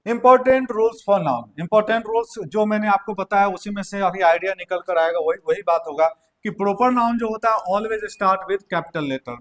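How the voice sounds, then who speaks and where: High-voiced male teacher. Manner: repeats key points, checks in with "theek hai". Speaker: English teacher. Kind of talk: classroom lecture.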